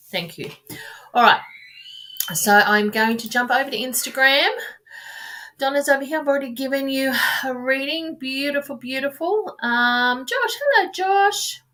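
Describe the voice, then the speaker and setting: A woman with a high, pushed, bright voice does casual tarot readings on a live stream. She's chatty and affectionate with her viewers, rambling and restarting sentences as she goes, and the audio comes from a webcam or phone mic.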